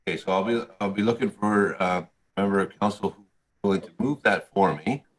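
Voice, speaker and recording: A man chairing a council meeting as acting mayor, in a formal, halting way with restarts, his voice breaking up into staccato static and sounding faint and far from the mic. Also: lowish voice. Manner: halting, with many restarts and fillers. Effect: audio breaking up with staccato static. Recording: quiet, distant voice too far from the mic.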